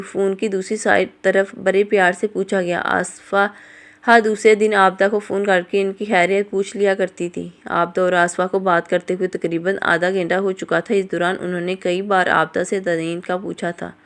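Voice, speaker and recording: A woman narrating a novel aloud in first person, in a steady, measured reading style. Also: mid-range voice. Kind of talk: scripted story narration.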